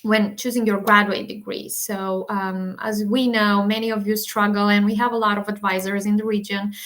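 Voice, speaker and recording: A woman's voice: mid-range voice, level tone, normal speed, fairly bright tone. A woman, an education advisor, hosting and introducing an online webinar in a chatty way with frequent fillers. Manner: chatty, repeats herself, many fillers.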